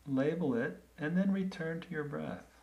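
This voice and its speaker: A man leading a guided meditation in a calm, gentle, unhurried way, with long pauses between phrases. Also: a little high, creaky, highs cut off.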